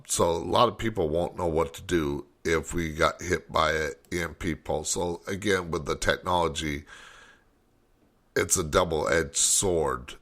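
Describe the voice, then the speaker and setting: A man's voice: low voice, a bit bright. A man hosting a late-night call-in talk show, rambling and thinking aloud as he goes.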